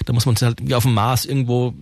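A man's voice: medium pitch, little pitch movement, fast talker, darkish tone, no room sound, studio quality. A man who is an astronomer and science writer, a guest on a radio show, explaining at length while hedging and restarting his sentences. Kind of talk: conversational radio interview. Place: radio studio.

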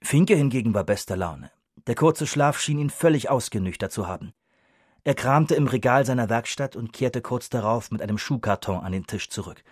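Male audiobook narrator, measured, dry studio sound. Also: medium pitch, animated, no room sound.

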